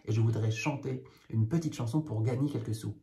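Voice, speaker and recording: A man's voice: medium pitch, a little fast, warm tone, close to an everyday voice. A man reading aloud and voicing a brave young boy with a guitar, in a plain, earnest delivery.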